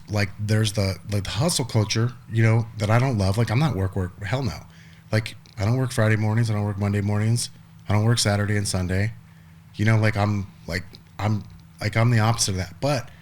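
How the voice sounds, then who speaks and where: Give me a man in his forties with a lowish voice, chatting loosely as a podcast guest and swearing now and then. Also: slight background noise. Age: 40s. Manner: rambling, lots of "like" and restarts, blunt swearing. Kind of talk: casual conversation.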